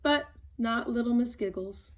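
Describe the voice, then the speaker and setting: A woman reading a children's storybook aloud, gentle and expressive. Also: a little high, unhurried. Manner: expressive, gentle, animated emphasis. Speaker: story reader.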